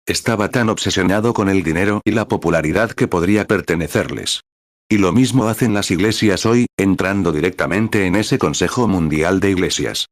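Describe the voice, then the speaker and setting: A man's voice: deep voice, dry recording, studio quality. A man reading a translated sermon aloud in a preaching cadence, announcing each paragraph number as he goes.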